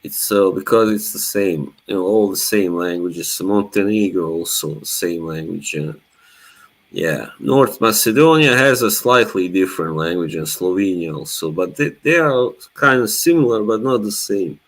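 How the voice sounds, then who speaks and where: A young Bosnian man whose first language is Bosnian hosts a casual live stream chat, laid-back and laughing frequently. His low-pitched voice is animated and moves at a moderate pace.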